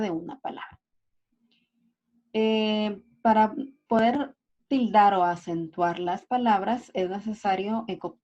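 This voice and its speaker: A woman's voice: medium pitch, a little mellow. A woman teacher, going through a class review step by step and often checking in with "right?". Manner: explains step by step, often asks "¿verdad?" and "¿sí?". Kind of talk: recorded class review lesson. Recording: dull lo-fi recording.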